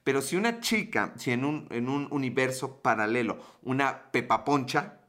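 A man in his thirties with a Mexican Spanish accent hosts a relaxed livestream. He tells a personal story while reading and teasing viewers' comments. He keeps a playful, joking, chatty tone. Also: medium pitch, moderate pace. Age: 30s. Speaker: livestream host.

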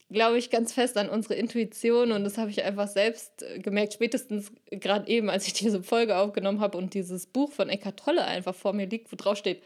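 A woman hosting a solo podcast in a casual, chatty way, often acting out little inner voices. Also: medium pitch. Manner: chatty, uses filler words and acted inner voices. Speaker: podcast host.

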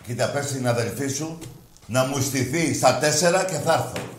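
A man co-hosting a sports call-in show, shouting insults at callers in rough banter. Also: mid-range voice, reverberant. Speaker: radio sports show co-host. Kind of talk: casual heated call-in banter.

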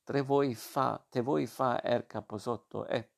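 A man's voice: medium pitch, steady tone, takes it slowly, creaky. A man voicing a cheeky, playful teenage street boy with a Roman dialect accent and a teasing, drawling delivery.

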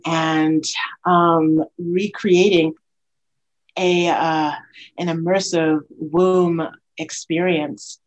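A woman with a low voice talks slowly and thoughtfully as an interview guest. Her delivery is soft and reflective, and now and then it jumps into sudden expressive bursts. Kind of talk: casual interview talk.

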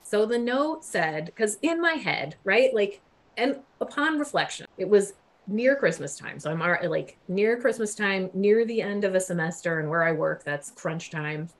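Animated woman telling a story. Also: mid-range voice, moderate pace. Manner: animated, laughing, swears freely. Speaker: guest. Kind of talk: casual storytelling chat.

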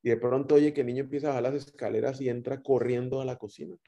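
A male preacher with a Guatemalan accent delivers a sermon in a mellow, warm voice. He often switches from loud, stressed phrases to soft, dropped endings as he tells stories. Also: mid-range voice, flat delivery, racing, vocal fry. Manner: storytelling with rising and dropping loudness.

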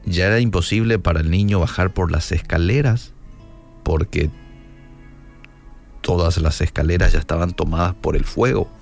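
A man telling a story in a radio devotional, speaking slowly and dramatically and addressing listeners directly. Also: deep voice, creaky, darkish tone, soft background music.

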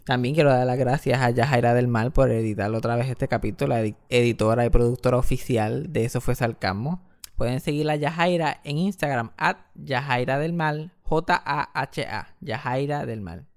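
A young man, a comedian hosting a casual podcast from his apartment, telling stories with a lively manner and slipping English words into his talk. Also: mid-range voice, normal speed.

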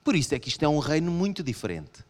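A male preacher with a European Portuguese accent delivers a sermon, his pitch swinging widely as he voices imagined objections from the pews. His voice sits a little high for a man. The sound carries a long reverb from a large church hall. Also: quick pace. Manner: animated, acts out voices of the congregation in raised pitch.

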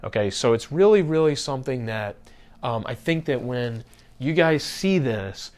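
A man's voice: medium pitch, animated, normal speed, a little mellow. A man hosts a podcast in a loose, conversational way. He speaks straight to his listeners, breaks off and restarts his sentences, and fills the gaps with "uh" and "you know.". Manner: conversational, many fillers and restarts, addresses listeners directly. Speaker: podcast host. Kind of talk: casual marketing talk.

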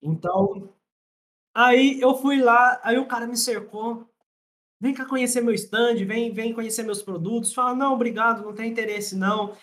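With an extremely high, slightly bright voice at normal speed, a man from Minas Gerais talks on a casual podcast, his Brazilian Portuguese carrying a mild Mineiro accent. He shares stories and explains how salon finances work, restating points for emphasis.

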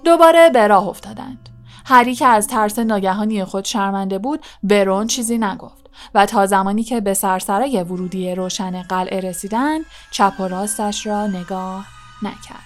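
A woman's voice: medium pitch, soft background music. Woman narrating a storybook audiobook. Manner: measured, often dropping to a hush.

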